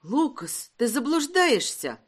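A woman's voice: high voice, sing-song, husky, full character voice. A woman voicing a spirited young heiress. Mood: indignant. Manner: earnest, quick to argue.

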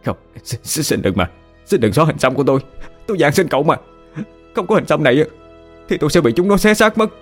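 A man's voice: on the high side, animated, quick pace, pauses often, faint music behind, pitched above the performer's own voice. Man doing a stammering, panicked coward. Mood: pleading. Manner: stammering, pleading. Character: panicked cowardly man begging for his life.

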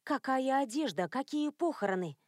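A woman's voice: high-pitched, expressive, normal speed, a little mellow, dry recording, clean studio sound, pitched above the performer's own voice. A woman voicing a bewildered young woman newly turned werewolf, indignant and questioning.

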